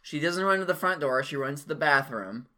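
A man's voice: on the high side, expressive, brisk, pushed and bright. A man casually recapping a horror movie with friends, profane and joking, often laughing. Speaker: podcast co-host.

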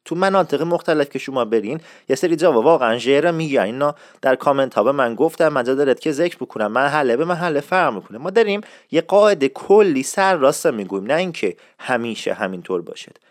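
A man hosting a casual spoken lesson, explaining slowly and repeating words for practice, in a friendly, chatty way. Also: mid-range voice, lively intonation, no echo, clean studio sound. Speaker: podcast host teaching a dialect.

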